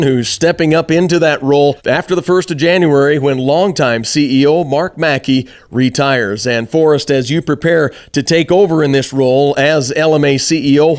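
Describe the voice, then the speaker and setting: An American man hosting a broadcast with scripted narration. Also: on the high side. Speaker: host.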